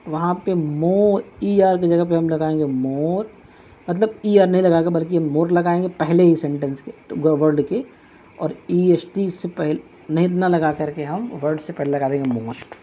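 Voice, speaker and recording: A man's voice: on the high side, moderate pace, lo-fi sound. A male teacher giving a classroom grammar lesson, patiently repeating each point as he writes it out on a board.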